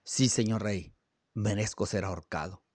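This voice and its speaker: A man voicing a humble condemned man, speaking calmly and with resignation, low and quiet. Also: normal speed, no room sound, clean studio sound, close to an everyday voice.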